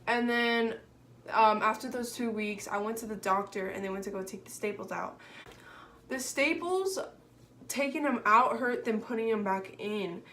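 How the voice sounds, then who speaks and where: A young woman telling a personal story on her vlog in an animated, exasperated way, full of fillers. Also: medium pitch, normal speed, slight background noise. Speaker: vlogger.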